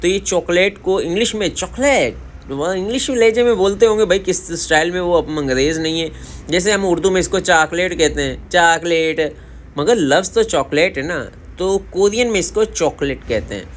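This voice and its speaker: A man with a Pakistani Urdu accent giving a casual language lesson, saying each word again and again in a Korean-style pronunciation. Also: high voice. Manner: repeats words slowly in a Korean-style pronunciation. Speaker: language teacher.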